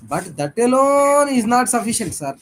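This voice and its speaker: A man's voice: very high-pitched, big pitch swings, normal speed, fairly bright tone, a little hiss or hum. A man from South India with a Telugu accent, talking informally as an advocate and repeating words emphatically. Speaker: tax litigation advocate. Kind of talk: informal professional discussion.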